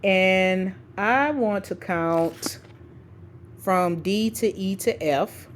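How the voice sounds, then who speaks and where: A woman's voice: medium pitch, extremely slow, slight background noise. A woman teaching a screencast tutorial step by step, dictating formulas piece by piece and checking in informally as she goes. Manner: informal, checks in often with "okay" and "right". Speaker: spreadsheet tutorial instructor for educators. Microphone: screen-recording voice-over.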